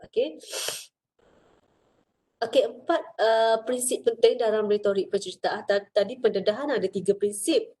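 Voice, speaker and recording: A woman's voice: mid-range voice, normal speed, pauses often, warm tone. A woman with a Malaysian Malay accent giving a recorded lecture, explaining step by step with many fillers.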